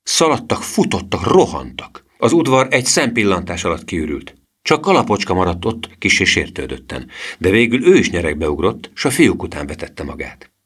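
A man narrating a children's story aloud with a very deep voice. His intonation swings widely as he reads, keeping the storytelling expressive and animated. The delivery is a steady, scripted storybook narration. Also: breathy edge. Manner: expressive reading with lively voice swings. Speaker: audiobook narrator.

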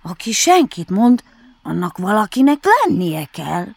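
A woman voicing a polite, food-loving male bear who reasons slowly and ponderously, for a storybook reading. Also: mid-range voice, very animated, vocal fry. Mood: musing. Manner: slow, puzzled, ponderous reasoning.

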